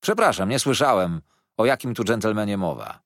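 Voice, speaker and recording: A man's voice: fairly low pitch, big pitch swings, fairly quick, dry recording, clean studio sound. A man voicing an arrogant, insolent older schoolboy who talks back to his teacher in a scornful, cocky way.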